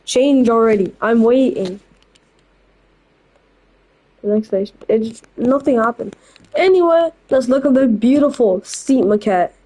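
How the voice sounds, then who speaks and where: A woman talks through a train-driving game in a loose, rambling commentary, tossing off blunt verdicts as she goes. Her voice sits a little high but sounds mellow and soft-edged. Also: low-quality recording. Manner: rambling, blunt and opinionated, quick asides. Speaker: gameplay channel host. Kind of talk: casual gameplay commentary.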